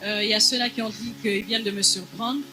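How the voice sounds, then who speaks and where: A man interpreting a church testimony live, halting with frequent hesitations. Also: high-pitched, steady tone, music in the background.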